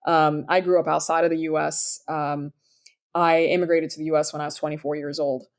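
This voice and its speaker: Speaking fairly quickly in a low-sitting voice with a flat delivery, this Sudanese-born woman in her thirties talks about her career as a guest. She's a startup founder, and her interview answers come across upbeat and enthusiastic, full of fillers.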